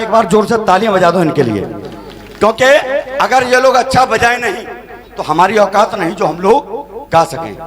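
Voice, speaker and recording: A man from Agra, a devotional night-vigil singer and compere, telling comic stories to a live crowd in a chatty, joking way and often laughing. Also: high-pitched. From Agra, India. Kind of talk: comic storytelling to a live audience. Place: outdoor or tented stage at a religious night vigil. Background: live band music.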